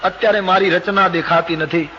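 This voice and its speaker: A man's voice: sits high, brisk. Older Gujarati man preaching a scripture story. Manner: expressive, acts out dialogue of gods and characters. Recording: dull lo-fi old recording with faint hiss.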